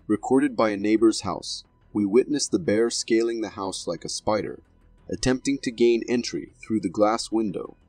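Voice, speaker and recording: A man narrates a video compilation from a script in a fairly low, husky voice. His delivery is formal and dramatic. The voice is recorded very dry, with faint music underneath. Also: darkish tone, no room sound.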